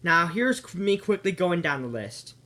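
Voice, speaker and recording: A man with a high voice talks through a casual review of a cartoon. He rambles and keeps stopping mid-sentence to correct himself. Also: sing-song, normal speed, pushed and bright. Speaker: video reviewer.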